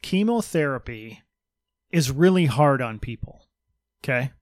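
A man's voice: mid-range voice, animated, measured pace, no room sound, clean studio sound. A man co-hosting a podcast in casual, joking talk, explaining things with mock-serious sarcasm. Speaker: podcast co-host.

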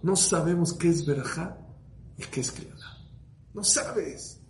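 A man preaching as a rabbi, swinging from hushed to loud and firing rhetorical questions at his listeners. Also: on the high side, unhurried, a little hiss or hum. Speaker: rabbi giving a Torah talk. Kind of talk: sermon to a live audience. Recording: roomy echo.

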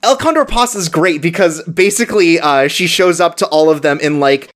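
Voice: mid-range voice, a little fast, a bit bright. A podcast co-host chatting casually about anime, rambling with lots of filler words and frequent laughter. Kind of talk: casual chat.

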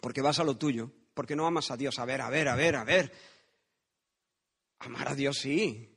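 A man's voice: medium pitch, normal speed, gravelly, fairly bright tone, slightly rough. A man preaching a sermon in a conversational way, telling parables and asking rhetorical questions.

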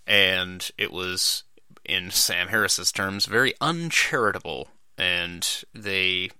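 A man hosts his own podcast with a low, crisp and clear voice. He talks loosely, with plenty of "uh"s and restarts. The sound is a dry, close mic with a bright, forward tone. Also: slow pace, dry recording. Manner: loose, rambling, many fillers and restarts. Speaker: podcast host. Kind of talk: casual solo commentary.

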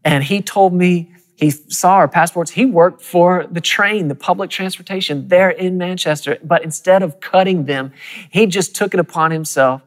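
A slightly high-pitched man tells a personal story from the pulpit. He speeds up in quick bursts and drops to soft, quiet asides. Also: long reverb tail. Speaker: preacher. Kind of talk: storytelling sermon.

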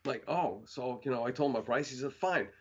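A man's voice: mid-range voice, little pitch movement, fast, darkish tone, breathy edge, highs cut off. A man, a painter being interviewed, talking in a rambling casual way with many fillers and restarts.

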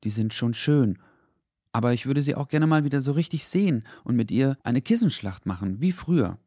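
A gentle little boy, curious and a bit wistful, his raised childish voice earnest and soft in a children's audio story, as a man acts him out. The sound is close and dry. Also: mid-range voice, lively intonation, normal speed, no room sound, pitched above the performer's own voice, natural voice. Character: young curious kind-hearted boy.

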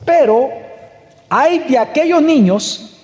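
A man preaching a sermon with a high, mellow voice. He speaks earnestly and keeps turning to the congregation with rhetorical questions. His voice carries a long reverb, as in a large church hall. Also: animated, takes it slowly. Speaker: pastor.

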